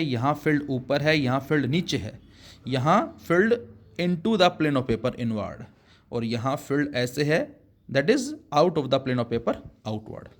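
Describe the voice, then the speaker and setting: A man teaching a physics lesson, explaining slowly and addressing his students as children, with words his speech. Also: on the high side. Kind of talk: classroom lesson.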